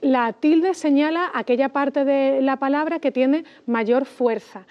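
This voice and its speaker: High-voiced woman explaining patiently. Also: muffled recording. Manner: patient, deliberate, stretches stressed syllables to demonstrate. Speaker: language expert guest. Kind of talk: educational TV explanation.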